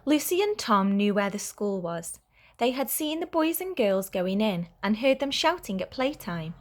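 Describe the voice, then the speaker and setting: A woman with a mid-range voice reads a children's story aloud like a teacher, clear and expressive for young listeners. She keeps a moderate pace.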